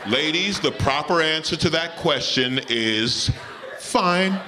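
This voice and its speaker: A man's voice: on the high side, measured pace, crowd noise, noisy background. A male stand-up comedian who delivers his routine in a teasing, confiding way. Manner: confiding and teasing toward the audience.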